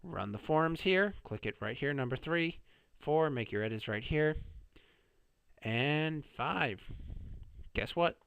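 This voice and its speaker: A man's voice: on the high side, animated, takes it slowly, creaky, long pauses, clean tone, no room sound, muffled recording. A man giving a casual class presentation in a sarcastic, playful, jumpy way. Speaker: student presenter.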